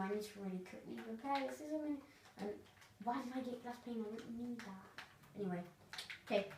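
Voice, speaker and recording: A woman casually narrating a tour of her video game world, rambling and hesitant with lots of fillers. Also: fairly high pitch. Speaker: gamer giving a tour of their world. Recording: roomy, distant mic, faint noise.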